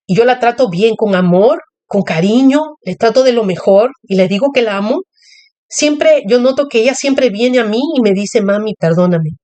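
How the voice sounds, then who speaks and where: A woman's voice: medium pitch, dark tone. A woman preaching a sermon, sharing personal testimony in an earnest, repetitive way and speaking directly to her listeners.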